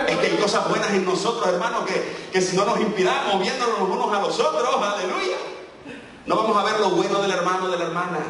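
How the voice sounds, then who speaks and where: A man from El Salvador with a Salvadoran Spanish accent, preaching a fervent Pentecostal sermon as a guest preacher, calling out to the congregation. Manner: fervent, calls out to the congregation, sweeping pitch. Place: church sanctuary. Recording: echoey church hall, distant mic.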